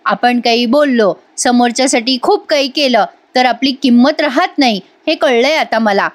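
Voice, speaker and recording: A woman voicing a wounded young husband who answers in short, quiet, bitter replies. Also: fairly high pitch, moderate pace, dry recording, lightly acted. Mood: hurt. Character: hurt, sulking young husband, quiet and curt.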